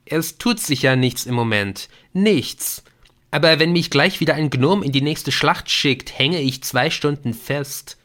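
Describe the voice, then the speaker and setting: A man's voice: medium pitch, lively intonation, slow, a bit bright. A man voicing a pompous, lecturing know-it-all teenage boy in a German audiobook. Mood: pleading.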